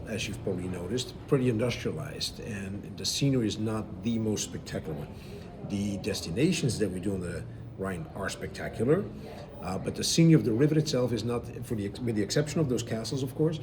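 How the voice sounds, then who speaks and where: A middle-aged man from Belgium, a cruise director, answering interview questions in a relaxed, explanatory way with frequent fillers. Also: on the low side, noisy background. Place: aboard a river cruise ship.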